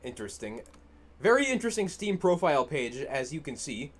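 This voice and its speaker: A man's voice: a little high, sing-song, a little fast. Furious swearing young gamer man. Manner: angry, swearing, swings between shouting and muttering. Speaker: gaming streamer. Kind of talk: ranting gameplay commentary.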